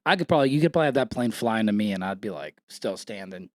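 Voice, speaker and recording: A man's voice: on the low side, lively intonation, quick pace, a little mellow, no echo, studio quality. A man co-hosting a casual comedy podcast, joking and acting out quotes in goofy voices. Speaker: podcast co-host.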